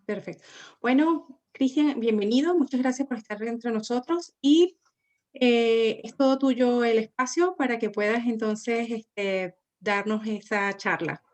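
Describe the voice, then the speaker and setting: A woman's voice: on the high side, a little slow. A woman hosting and moderating an online academic event, courteous and formal, with some filler hesitations. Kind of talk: formal welcome and moderation over a video call.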